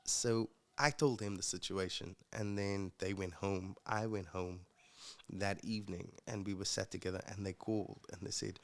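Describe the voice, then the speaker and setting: A young man, a musician guest, telling his personal story in an earnest, reflective way with halting restarts. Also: low voice, fairly even intonation, creaky. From South Africa.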